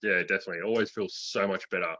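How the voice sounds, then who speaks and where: A man's voice: low-pitched, fairly even intonation, very fast, sharp tone, no echo. A man, giving a casual interview in slangy, laid-back speech. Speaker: interviewee, programme graduate. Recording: dull lo-fi call audio.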